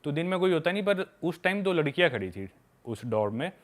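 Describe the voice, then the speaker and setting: A man's voice: on the high side, very animated, fairly quick. A young man chatting casually on a podcast, telling candid travel stories and addressing the listener as a buddy. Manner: candid storytelling, calls listeners "bhai".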